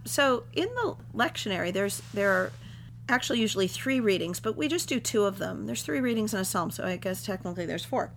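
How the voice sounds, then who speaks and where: A woman's voice: mid-range voice, brisk, vocal fry, a little hiss or hum. Chatty woman clergy co-host. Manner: chatty and expressive, jokey asides. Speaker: ordained clergy podcast co-host. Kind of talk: casual religious podcast chat.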